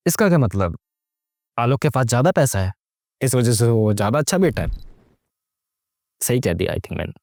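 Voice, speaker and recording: Here the YouTube film critic, a young man, speaks at mid-range pitch with a darkish tone, recorded dry at studio quality. He jumps between Hindi and English, poking fun at the movie in a slangy, sarcastic, laid-back way and leaning heavily on rhetorical questions.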